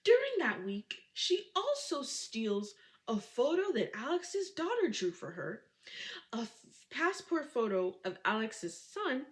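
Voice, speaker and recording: A woman recaps a thriller in a lively, dramatic way and keeps asking rhetorical questions. Her voice sits on the high side and swoops all over as she talks. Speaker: book recap creator. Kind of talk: casual book recap.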